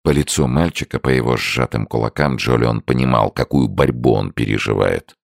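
A man narrating a literary novel as an audiobook in a measured, expressive way. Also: a bass voice, vocal fry, dry recording, studio quality.

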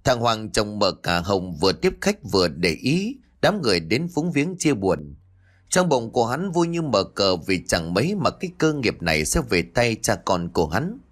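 Male ghost story narrator, very lively pitch. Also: normal speed. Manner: dramatic, with lively pitch swings.

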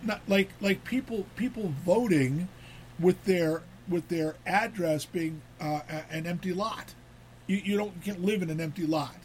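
Male host, slightly high voice, loose chatty delivery with many restarts. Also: a little slow, slight background noise. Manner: rambling, repeats words, animated. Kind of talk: casual talk show chat.

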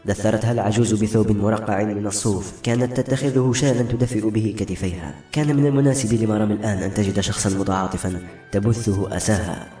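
A man narrating a fantasy novel as an audiobook in a steady storytelling manner. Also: fairly low pitch. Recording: roomy echo with soft music.

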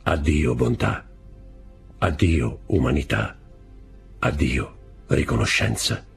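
A man voicing a mysterious bearded stranger who murmurs slowly and low in a husky voice. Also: faint music behind, full character voice. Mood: solemn.

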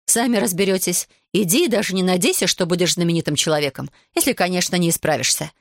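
A woman voicing a strict but kind female schoolteacher in a storybook reading, calm and measured. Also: fairly low pitch, no echo, studio quality. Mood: reproachful. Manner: calm, measured, gently reproachful.

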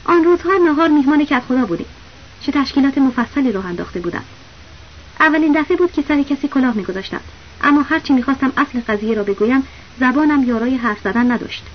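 A woman narrating a novel as a first-person audiobook, telling the story in a steady, plain manner. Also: sits high. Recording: dull lo-fi audiobook recording with faint hiss.

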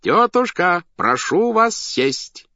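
A man's voice: sits high, huge pitch swings, normal speed, dry recording, pitched above the performer's own voice, heavily acted. A man voicing a cheerful circus clown who coaxes his trained animals in a showy, sing-song way. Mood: playful. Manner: bright, showy, coaxing. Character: jolly circus clown, showman master. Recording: dull dry studio audiobook.

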